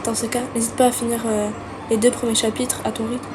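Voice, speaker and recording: A woman voicing a shy, bookish teenage girl who speaks quietly and hesitantly, with game music behind her. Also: fairly high pitch, little pitch movement, a little fast, noisy background, lightly acted. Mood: timid. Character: shy, soft-spoken bookish teen girl. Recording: music playing underneath.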